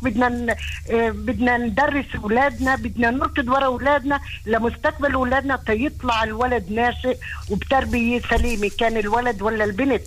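A woman's voice: on the high side, slight background noise, poor audio. A woman with a Palestinian Arabic accent giving her opinions as a caller to a live talk show.

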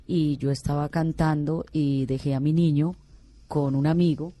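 A woman's voice: sits low, steady tone, moderate pace, mellow. A middle-aged Colombian woman, a singer, telling her life story in an earnest, heartfelt way with many restarts. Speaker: singer being interviewed. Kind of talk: emotional personal storytelling.

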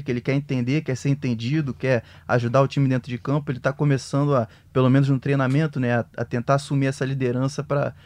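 A man reporting on a football club in a measured, hesitant way, with many restarts. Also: medium pitch, a little mellow, no room sound. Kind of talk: casual sports discussion.

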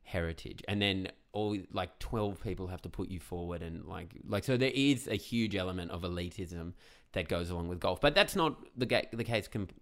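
A man's voice: low voice, moderate pace. A man in casual podcast chat, rambling with many fillers. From Australia. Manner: rambling, filler-heavy, animated. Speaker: podcast guest, comedy writer.

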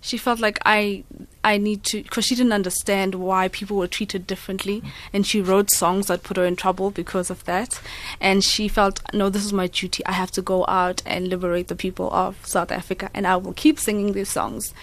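A young woman born in Zambia, a guest in an interview, telling family stories earnestly and often answering with a quick yes. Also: medium pitch, flat delivery. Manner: storytelling, earnest, affirming with frequent yeses. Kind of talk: casual interview conversation.

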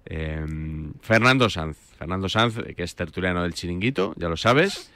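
Male radio host, low and bright, casual studio chat, dry sound. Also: animated, normal speed, clean tone, no room sound.

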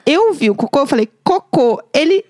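A woman in her thirties co-hosting a podcast, telling a story in a playful, animated way. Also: high-pitched, fast, dry recording, clean studio sound. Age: 30s. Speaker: podcast co-host. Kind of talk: casual chat.

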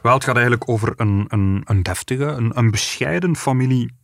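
This podcast co-host, a journalist, explains a past case through storytelling, with some restarts along the way. His mid-range voice is a little fast and has vocal fry, and the studio-quality audio has no echo.

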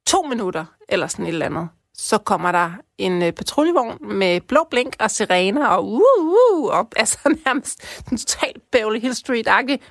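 A woman from Denmark casually telling a personal story, chatty with many fillers, dropping to a hush and then rising with excitement. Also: medium pitch, gravelly, no room sound, clean studio sound.

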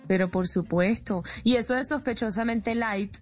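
A woman's voice: fairly high pitch, moderate pace, faint music behind. A woman with a Colombian Caribbean coastal accent hosting a radio interview, enthusiastic and effusive. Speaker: radio host.

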